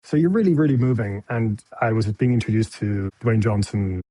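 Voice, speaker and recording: A man being interviewed on a podcast as a film director guest, telling stories in a candid, animated way. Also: lowish voice, normal speed, no echo. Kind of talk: casual interview chat.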